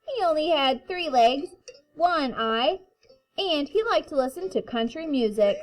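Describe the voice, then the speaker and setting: Female kindergarten teacher for picture-book read-aloud: high, slow, playful sing-song delivery. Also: expressive, soft background music. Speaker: kindergarten teacher reading to her class.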